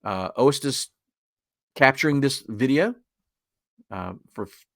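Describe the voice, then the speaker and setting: A man's voice: mid-range voice, lively intonation, slow, fairly bright tone, no echo. Southern Appalachian man presenting, dry close sound. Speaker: webinar presenter. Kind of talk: informal instructional presentation.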